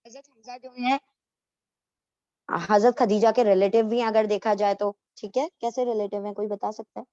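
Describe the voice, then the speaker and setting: A woman's voice: medium pitch, steady tone, moderate pace, dark tone, dry recording, muffled recording. A woman teaching a casual class, explaining step by step and asking her students questions, often correcting herself. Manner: self-correcting, restarts. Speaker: Islamic history teacher.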